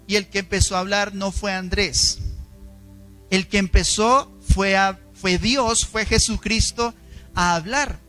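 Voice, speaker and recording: A man's voice: steady tone, measured pace, sharp tone, soft background music. A man with a Colombian accent preaching a sermon in a church, emphatic and dramatic, often asking the congregation questions. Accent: Colombian Spanish. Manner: dramatic, emphatic delivery with shifting pitch. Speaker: pastor.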